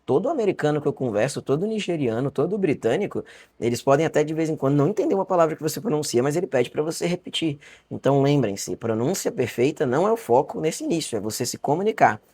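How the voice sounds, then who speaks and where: A Brazilian man with a Brazilian Portuguese accent, teaching a beginner lesson online in a chatty, encouraging way and repeating words slowly for practice. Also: fairly high pitch, animated, darkish tone, breathy edge. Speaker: English teacher. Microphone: webcam or camera facing him.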